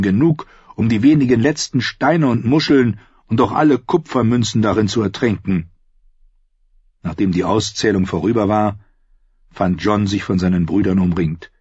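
A man reads a fantasy story in a low, husky voice with steady pacing. The sound is close and dry with no room. The recording is slightly dull and lo-fi. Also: dry recording. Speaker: audiobook narrator. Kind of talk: scripted fantasy narration.

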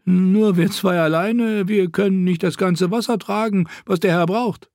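A man voicing a sly, sharp-tongued male dwarf slave who switches between mocking orders and servile pleading, in an audiobook. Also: high-pitched, steady tone, measured pace, no echo, studio quality, voice pushed up. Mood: wheedling. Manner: alternates sarcastic orders with servile begging.

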